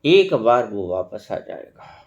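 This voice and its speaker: A man giving a spiritual discourse as a teacher, speaking slowly and emphatically with long pauses. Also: fairly low pitch, sing-song, darkish tone, highs cut off. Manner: slow, emphatic, with long pauses and rising stresses.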